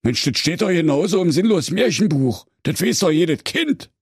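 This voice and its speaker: A scruffy, jolly gang of male drinkers from a comic storybook, voiced by a man. The voice is lifted and lively, with a husky edge. They sound slurry and good-natured. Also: fairly high pitch, moderate pace, no echo, clean studio sound, pitched above the performer's own voice, exaggerated voice. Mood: jovial. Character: boozy cheerful male street drinkers, scruffy.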